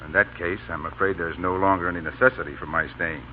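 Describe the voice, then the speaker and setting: A dull, noisy vintage radio broadcast carries a male actor's low, fairly even voice at a quick pace. Acting in a 1930s-40s drama, he plays a stern but kindly Union colonel, authoritative and gentlemanly, issuing clipped orders with courtesy and gentleness.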